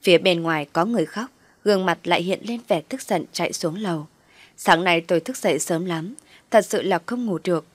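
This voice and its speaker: Woman reading a story, low voice, dry close sound. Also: fairly quick, husky, no room sound. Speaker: story narrator. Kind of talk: first-person story reading.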